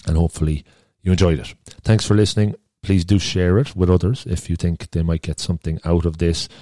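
Deep-voiced man hosting a podcast. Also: steady tone, fairly quick, mellow, dry recording, studio quality. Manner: conversational, thinking aloud; upbeat, encouraging sign-off. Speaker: podcast host. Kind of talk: solo podcast monologue.

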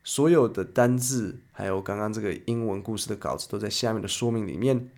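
A man hosts an English lesson podcast. He explains words in a chatty, lively way. His voice sits low and has a gravelly, fry-heavy texture. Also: fairly quick. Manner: lively, chatty explainer who switches into English example sentences. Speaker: English teacher and podcast host.

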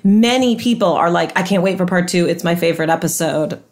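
A woman's voice: on the low side, brisk. A woman co-hosting a casual podcast, gushing enthusiastically and sharing trivia. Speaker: podcast co-host. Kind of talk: casual rewatch podcast chat.

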